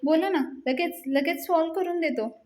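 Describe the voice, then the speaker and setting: A woman's voice: extremely high pitch, moderate pace, a little mellow, slight background noise, voice pushed up. A woman voicing an eager, smitten young man who speaks in an obliging way.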